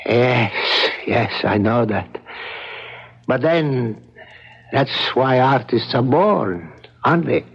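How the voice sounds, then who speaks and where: An actor playing a formal, courtly, middle-aged sculptor in a radio mystery drama, politely hesitant and obsessive. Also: male voice, mid-range voice, expressive, slow, pauses often, breathy edge, full character voice. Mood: wistful, obsessed. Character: obsessed, courtly sculptor, older than his listener. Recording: dull lo-fi old radio broadcast.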